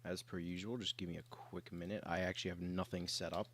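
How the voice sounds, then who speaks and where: A man's voice: deep voice, little pitch movement, fast, fairly bright tone, slightly rough. A young man who is sick, chatting casually with his livestream viewers from his bedroom, rambling along with lots of fillers and the odd cough. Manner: rambling and laid-back, many fillers. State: sick, with coughs and throat clearing.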